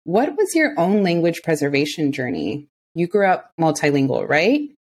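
A woman's voice: sits low, very animated, normal speed, darkish tone, husky. A woman hosting a podcast, reading her introduction and then interviewing a guest. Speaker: podcast host.

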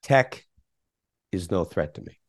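A man's voice: deep voice, expressive, slow, dry recording. A middle-aged man, a guest on a podcast interview, speaking emphatically and firing off rhetorical questions. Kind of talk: conversational interview.

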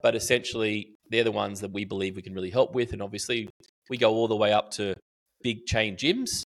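Speaking fairly quickly in a fairly low pitch with fairly even intonation, a middle-aged Australian marketing educator chats as a podcast guest. His casual, animated storytelling is dotted with fillers and false starts.

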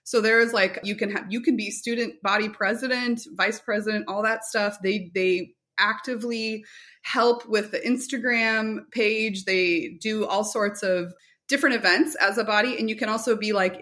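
A middle-aged woman with a mid-range, sharp-toned voice is a guest representing a homeschool curriculum company. Her interview answers are chatty and casual, frequently built around anecdotes and quoted exchanges.

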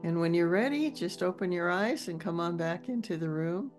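A woman's voice: lowish voice, expressive, moderate pace, darkish tone. A woman leading a guided meditation in an instructive manner, with repeated affirmations. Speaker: host and guided meditation leader. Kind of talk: guided meditation, then informal thanks. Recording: music behind the voice. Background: plucked guitar music.

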